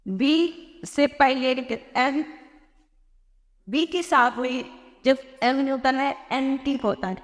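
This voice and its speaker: High-voiced Indian woman teaching grammar. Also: big-room sound. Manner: explains slowly, repeats phrases, mixes in English words. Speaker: English teacher. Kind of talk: classroom-style grammar lesson.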